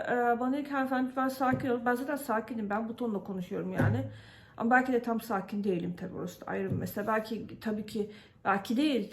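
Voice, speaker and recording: Telling her story straight to the camera, this vlogger from Turkey has a voice that sits slightly high. She airs her frustration, leaning heavily on fillers and imitating what people told her.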